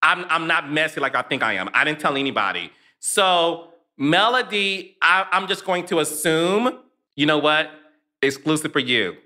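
A man's voice: fairly high pitch, expressive, moderate pace, bright, forceful tone. A man hosting a casual gossip podcast, telling stories animatedly and laughing often. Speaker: podcast host.

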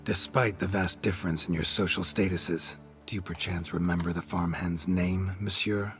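Geralt, a man playing a gruff, very deep-voiced witcher. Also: fairly even intonation, normal speed, soft background music, close to an everyday voice. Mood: dry. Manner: terse, dry, sardonic. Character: gruff world-weary male monster hunter, middle-aged. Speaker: witcher taking a contract.

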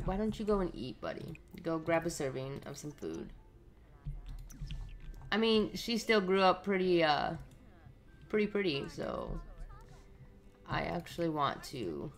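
Low-voiced woman chatting over gameplay. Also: big pitch swings, slow, pauses often, faint music behind. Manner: chatty, talks to the game characters. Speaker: let's play host. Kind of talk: casual gameplay commentary.

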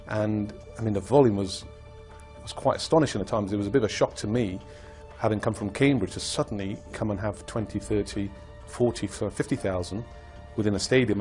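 An older man, a former footballer, telling his story in a measured, reflective way in a documentary interview. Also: fairly low pitch, a little mellow.

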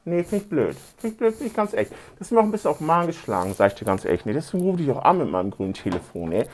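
A man's voice: fairly high pitch, big pitch swings, very fast, a little mellow. A man doing a rambling comic phone monologue, grumbling indignantly and tagging almost every phrase with a questioning "ne". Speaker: comedian in a fake phone call. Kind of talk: comedic monologue and one-sided phone call.

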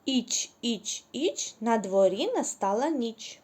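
Slow-spoken, high-voiced woman teacher. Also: very animated, a little mellow, breathy edge. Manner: slow, drawn-out syllables when modeling words; cheerful, encouraging praise. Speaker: kindergarten teacher. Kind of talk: preschool reading lesson.

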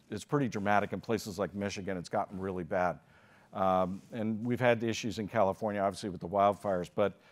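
An older American man delivers a keynote from a lectern mic on a conference stage. He speaks in a lowish voice, measured and deliberate, pausing often with fillers.

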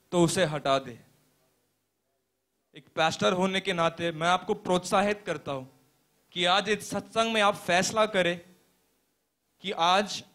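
A young man playing a pastor in a stage play, telling a parable as a sermon in a slow, earnest preaching manner with deliberate pauses. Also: high voice, a bit bright. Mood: exhorting. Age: young adult.

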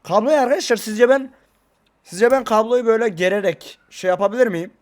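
Guy with a pretty high voice rambling to his viewers, excitable vlog chat into a desk mic. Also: brisk. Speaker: YouTuber. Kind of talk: casual vlog talk to camera. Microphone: desk microphone.

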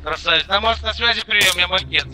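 A man's voice: sits high, a little fast, music in the background. A man giving brusque, swearing commands as a squad leader over tactical game voice chat. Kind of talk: tactical voice chat during gameplay. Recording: noisy gaming voice chat with gunfire.

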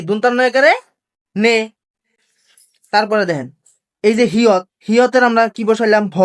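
Patient woman teaching step by step. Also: a little high. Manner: patient, asks questions and repeats the answers. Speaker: language teacher. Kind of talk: step-by-step classroom lesson.

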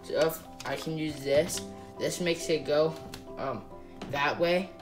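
A woman's voice: deep voice, slow pace. A woman chatting casually through a Lego build vlog, rambling and hesitant with lots of fillers. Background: guitar music.

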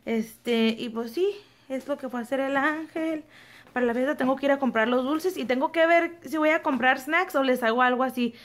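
A woman's voice: sits high, normal speed. Chatty young woman vlogging. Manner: chatty, talks to viewers as friends. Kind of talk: casual home vlog chat. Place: home kitchen.

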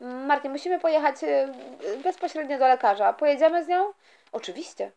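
A woman's voice: high-pitched, fairly quick, gravelly, a little mellow, slight background noise. A woman voicing the parents in a toy story, fussing with worried exclamations.

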